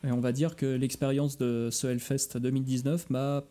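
A man from France chatting on a podcast, halting often with fillers and restarts. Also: medium pitch, flat delivery, dark tone. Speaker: podcast host interviewed about his music shows. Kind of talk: casual podcast chat.

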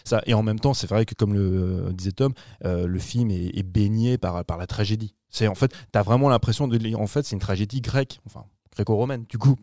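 A man reviewing a film in casual panel chat, animated and slangy, swearing freely and restarting his sentences. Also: fairly low pitch, fairly quick, no room sound, clean studio sound.

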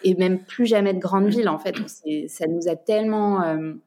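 A woman's voice: fairly low pitch, moderate pace, mellow. Hesitant chatty French woman. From France. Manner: hesitant, many fillers and restarts, laughs often. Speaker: podcast guest, entrepreneur. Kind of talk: casual chat.

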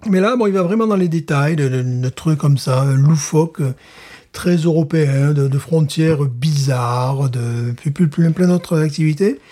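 A man co-hosting a casual chat, talking in a relaxed way with frequent hesitations and repeated words. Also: a little high, moderate pace. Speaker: podcast co-host.

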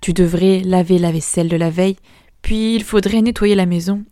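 A poor fiddler from a storybook, gruff and low-voiced, as a woman puts him on. The sound is mellow and dry. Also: flat delivery, moderate pace, dry recording, natural voice. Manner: gruff, lowered. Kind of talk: storybook reading.

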